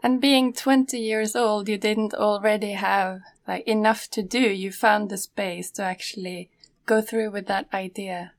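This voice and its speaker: A woman hosts a podcast and talks with her cello student. She has a measured, encouraging way of speaking at a middle pitch. Her voice sounds dry and close. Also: fairly even intonation, dry recording. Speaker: podcast host and cello teacher. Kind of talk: podcast hosting and conversation.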